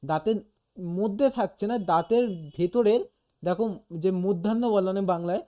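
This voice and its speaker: Patient tutor, dark mellow tone, talks a student through a lesson and sounds out examples. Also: mid-range voice, normal speed. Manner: explains patiently, demonstrates sounds aloud, keeps checking "okay?". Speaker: animation teacher. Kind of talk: casual one-on-one lesson.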